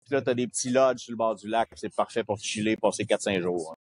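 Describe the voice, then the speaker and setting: A man's voice: lowish voice, fairly quick, a little hiss or hum. A man with a Québécois French accent telling travel anecdotes in a casual chat, acting out bits of dialogue. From Quebec. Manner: animated storyteller, acts out dialogue. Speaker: podcast guest.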